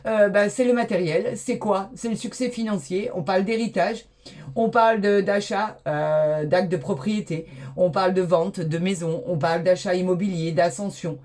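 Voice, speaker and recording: A woman reading tarot cards aloud for her viewers, with a voice pitched in the middle of the range. She talks with bursts of excited exclamation and pauses often to hesitate between phrases. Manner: enthusiastic, exclaiming, with frequent hesitations. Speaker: tarot reader.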